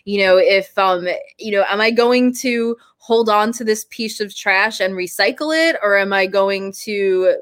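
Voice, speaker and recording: A woman's voice: mid-range voice, unhurried, few pauses, a bit bright, no echo. A woman in her mid-thirties, a guest in an interview, speaking candidly and laughing easily. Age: 30s. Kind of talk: casual interview conversation.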